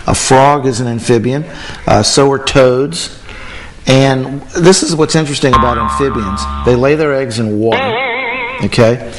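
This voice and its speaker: A man's voice: medium pitch, normal speed, faint music behind. A man presenting a kids' show with the patter of a kids party magician, explaining simply and putting questions to a child.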